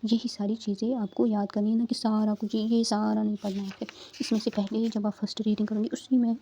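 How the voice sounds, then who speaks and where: A woman's voice: mid-range voice, flat delivery, a little fast, mellow, husky, dull audio. A young woman tutoring exam candidates in a casual study-guidance talk, explaining step by step with frequent fillers and check-ins.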